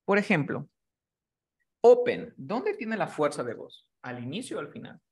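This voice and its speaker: A man's voice: fairly high pitch, sing-song, normal speed, fairly bright tone, breathy edge. A man teaching a class, explaining rules patiently and often checking that his student has understood. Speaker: English teacher.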